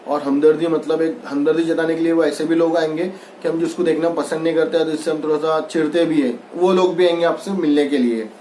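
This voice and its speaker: A man's voice: fairly high pitch, a little mellow, a little hiss or hum. A man teaching a Hindi textbook lesson. He reads a line and then re-explains it loosely, mixing in English words. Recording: echoey room.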